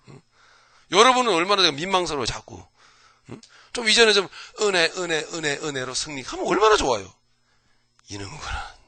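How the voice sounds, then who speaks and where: A male pastor giving an early morning Bible lecture in a folksy, animated way, jumping between loud outbursts and whispers and often asking his listeners "right?". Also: high voice, dry recording.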